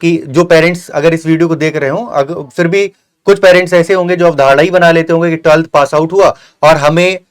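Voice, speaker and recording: A young man interviews a guest and drifts into long, earnest advice. His voice sits a bit high, and he repeats himself and fills pauses as he goes. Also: steady tone. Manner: earnest, repetitive, lecturing with many fillers. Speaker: host of a coaching channel. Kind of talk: interview with a successful candidate.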